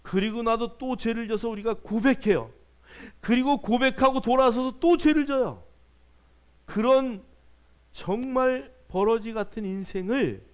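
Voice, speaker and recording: A man's voice: very high-pitched, smooth. A male pastor preaching a sermon in church, joking with the congregation and urging them on. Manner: playful, jokes with the congregation; exhorting, calls out to the congregation.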